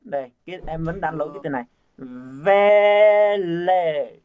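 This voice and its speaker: Racing along in a slightly high voice, a Vietnamese man leads a casual group lesson in English pronunciation. He repeatedly drills sounds and coaxes the class, and the lo-fi recording sounds dull.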